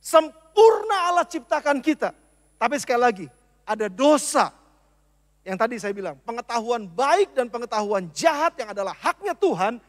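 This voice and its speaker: Pastor guy preaching, really high voice, big loud bits then quiet asides, long church echo. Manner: animated preaching, swinging from loud emphasis to soft asides. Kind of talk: sermon. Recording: long church hall reverb.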